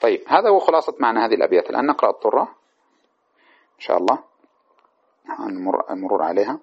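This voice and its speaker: A man teaching a lecture on classical grammar. He explains patiently, often checks in with his listeners, and recites verse lines in a measured way. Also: on the low side, very animated, breathy edge. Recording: dull lo-fi recording.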